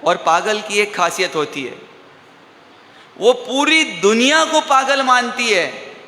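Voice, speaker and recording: Slow, high-voiced preacher in an echoey hall. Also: male voice, sing-song, pushed and bright. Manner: asks the audience rhetorical questions and answers them himself; slow, drawn-out storytelling delivery. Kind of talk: storytelling sermon. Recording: echoey hall with faint ambience.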